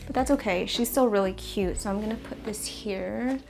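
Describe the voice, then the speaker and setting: This plant vlogger has a gravelly, mid-range voice at normal speed, heard over music. She's sniffly and stuffy-nosed while rearranging houseplants in her apartment plant room, rambling a bit in a chatty, self-correcting way.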